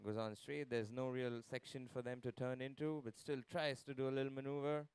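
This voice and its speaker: A man's voice: mid-range voice, flat delivery, a little fast, a little mellow, clean tone, dry recording. A man giving live play-by-play and time calls as a commentator at a surfing contest.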